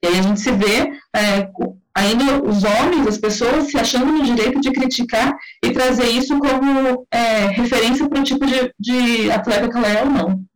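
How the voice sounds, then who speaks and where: A woman's voice: on the high side, normal speed, faint music behind. A woman, speaking as a panelist in a casual discussion, emphatic and indignant. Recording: echoey room, distant mic.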